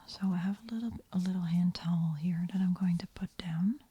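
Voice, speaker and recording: A woman speaking in a hushed, whispery voice as an ASMR host, gentle and unhurried. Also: fairly low pitch, husky. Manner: slow, unhurried, gentle murmur. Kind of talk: soft-spoken ASMR.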